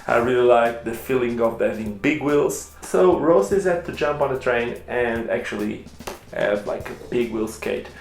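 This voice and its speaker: A man's voice: medium pitch, creaky. A man who speaks Portuguese as his first language, giving a chatty, enthusiastic review while unboxing skates and correcting himself along the way. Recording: echoey room with faint music.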